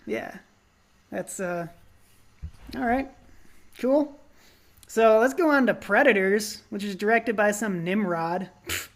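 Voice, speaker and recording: A woman co-hosting a movie podcast in casual chat, teasing her partner and filling pauses with ums. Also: mid-range voice. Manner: joking, teasing, lots of ums. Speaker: podcast co-host.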